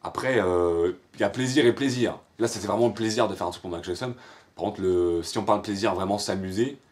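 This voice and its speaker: A man's voice: fairly low pitch, fast, darkish tone. A young man from France answering viewer questions in a casual, rambling way, full of fillers and slang. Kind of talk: casual FAQ monologue.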